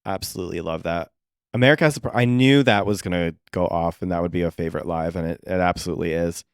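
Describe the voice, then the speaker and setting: A man with a low, smooth voice chats casually as a podcast co-host. He is sassy and campy, gushing in queer slang, and the sound is close and dry. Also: quick pace, dry recording. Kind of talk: casual pop culture chat.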